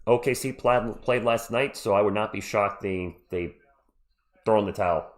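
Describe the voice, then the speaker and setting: His voice is on the low side and his speed is normal as he runs a relaxed live stream of sports play-by-play. Though he has a cold, he keeps bantering playfully with the people watching.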